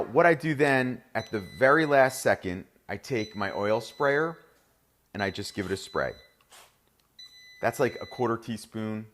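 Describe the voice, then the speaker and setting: A middle-aged man with a New Jersey accent hosts a live cooking demo. His voice sits on the low side, and he keeps an upbeat, chatty flow, talking directly to the people watching. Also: fairly bright tone. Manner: upbeat, chatty, addresses viewers as "you guys". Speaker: cooking show host.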